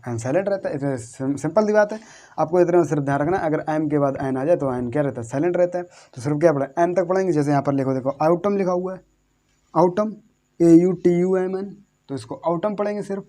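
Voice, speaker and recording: An English teacher gives a classroom-style lesson in a fairly high, dark voice, talking fast. He repeats himself, asks viewers questions and answers them himself, and spells words out letter by letter.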